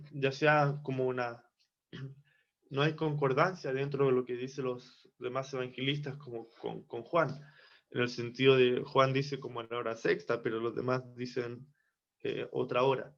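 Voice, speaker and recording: A man's voice: medium pitch, fairly even intonation. A man giving a devotional Bible teaching from Chile, reflective and repeating phrases for emphasis. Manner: slow, reflective, with restarts and emphatic repetition. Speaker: preacher. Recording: dull lo-fi recording.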